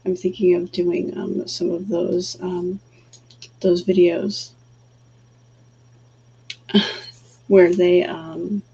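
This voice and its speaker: On her stream, a soft-spoken woman who does energy healing chats calmly and haltingly, leaning on fillers, then takes listeners through a breathing exercise. Her voice runs low and creaky with a breathy edge. Faint hum sits under the dull, lo-fi audio.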